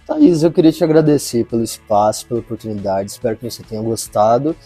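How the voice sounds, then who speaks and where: Mellow-voiced man with a Minas accent. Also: medium pitch, animated, fast, breathy edge, soft background music. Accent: Minas Gerais Portuguese. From southern Minas Gerais, Brazil. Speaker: interviewer. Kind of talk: interview questions.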